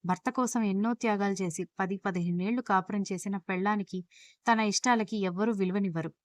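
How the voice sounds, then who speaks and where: A woman's voice: medium pitch, quick pace, no echo, close to an everyday voice. A woman voicing a playful, chatty young wife in a read-aloud audio story.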